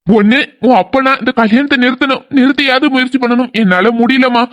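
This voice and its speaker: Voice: sits high, a little fast, a bit bright. Guilt-ridden cartoon father. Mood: remorseful. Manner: lamenting, self-blaming, then angry. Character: remorseful middle-aged father, guilty and grieving. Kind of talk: dubbed cartoon drama.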